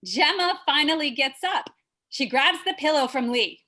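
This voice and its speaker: A woman's voice: sits high, animated, normal speed, sharp tone, low-quality recording. A woman reading out stage directions for an audio drama, matter-of-fact with wry asides. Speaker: narrator.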